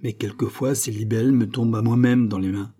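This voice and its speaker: A tired king who explains himself patiently, with a hint of exasperation, as a man reads him in an audiobook. The voice is dark and husky, close to the reader's own. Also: lowish voice, steady tone, a little fast, natural voice. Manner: reasoning, mildly exasperated. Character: weary, patient king, middle-aged man.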